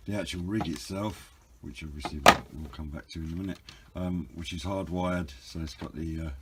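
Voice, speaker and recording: Heavy background noise sits behind this British man's deep, fairly even voice as he talks at a moderate pace. He's casually unboxing and reviewing a hobby product, sounding hesitant and understated and drifting a bit as he explains.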